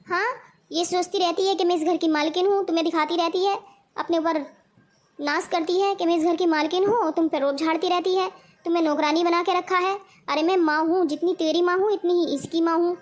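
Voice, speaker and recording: A woman voicing a scolding, preachy middle-aged mother in a cartoon. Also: extremely high pitch. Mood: complaining. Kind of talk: cartoon voice acting.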